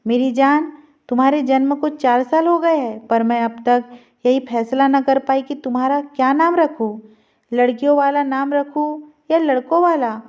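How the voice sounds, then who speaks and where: A woman voicing a gentle, sorrowful dying mother in a read-aloud story, with a soft, pleading tone. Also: high-pitched, moderate pace, natural voice. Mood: tender. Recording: slightly dull lo-fi recording.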